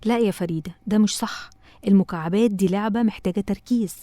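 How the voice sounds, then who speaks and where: A woman with an Egyptian accent voicing a loving, patient mother in a cartoon, talking gently and coaxingly. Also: medium pitch, fast talker, dry recording, lightly acted. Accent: Egyptian Arabic. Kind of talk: cartoon voice acting.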